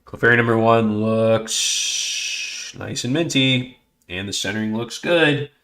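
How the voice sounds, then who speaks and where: Here the livestream host speaks slowly at a medium pitch, his tone fairly bright. He's a man chatting casually and muttering with small exclamations as he goes through his cards.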